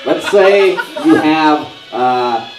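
A young man hosting live comedy banter, asking questions in a halting, deadpan way. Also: a little high, music in the background. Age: young adult. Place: small indoor comedy bar stage. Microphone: handheld mic, heard from far camera. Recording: echoey bar, distant camera, loud background.

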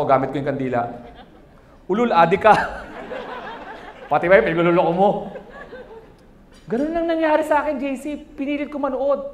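Male comic, wedding stand-up set, lively and high-pitched, roomy echo. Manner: animated, acts out quoted voices. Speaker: stand-up comedian. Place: wedding reception hall.

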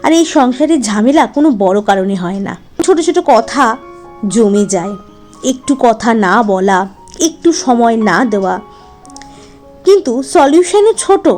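Gentle advising woman, voice-over. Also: on the high side, lively intonation, measured pace. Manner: gentle, advising, mixing in English phrases. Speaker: lifestyle vlogger. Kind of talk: motivational voice-over. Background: faint background music.

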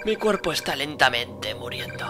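A man reading the lines of a dying young man, soft, low and subdued. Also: lively intonation, moderate pace, over music, lightly acted. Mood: resigned.

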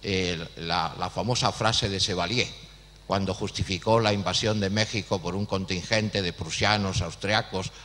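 A man's voice: low voice, fairly even intonation, moderate pace, fairly bright tone. A man in the audience asking the panel a question, lecturing with an ironic edge. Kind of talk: question from the floor. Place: lecture hall at a public event. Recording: hall reverb, faint hum.

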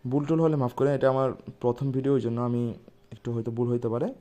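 A man teaching pronunciation, repeating each sound slowly and loudly before explaining calmly. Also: medium pitch. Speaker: Quran recitation teacher. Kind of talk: letter-by-letter pronunciation lesson.

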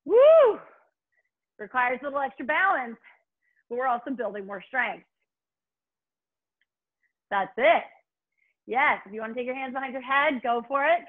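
High, breathy woman, aerobics instructor. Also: normal speed, pauses often, phone-quality sound. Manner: upbeat, encouraging, urging coach with short commands. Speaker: fitness instructor and host. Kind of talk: aerobics instructor leading a workout, calling counts and cues.

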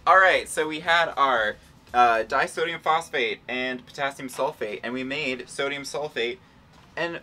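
A man's voice: medium pitch, a little slow, sharp tone, slight background noise. A young man hosting a casual science game with playful, campy enthusiasm, recorded in a lab. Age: young adult. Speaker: game host. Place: small laboratory, indoors.

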